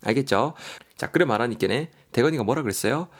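A man teaching English vocabulary in a lively way, spelling out words letter by letter and repeating them. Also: mid-range voice, fast. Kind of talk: language lesson.

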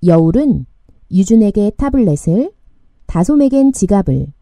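A woman narrating a young adult novel in a calm, measured audiobook reading on a close mic. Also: mid-range voice, dry recording.

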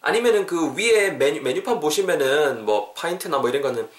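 A chatty male English teacher, speaking in a slightly high voice. He spells out example phrases slowly and clearly in a relaxed podcast lesson. The room around him sounds echoey.

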